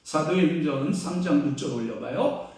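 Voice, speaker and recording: A man's voice: on the high side, expressive, moderate pace. Man preaching in an echoey church. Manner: call-and-response questions to the congregation; swings between hushed and loud exclaiming. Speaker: pastor. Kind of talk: sermon. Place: church sanctuary. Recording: echoey church hall, distant mic.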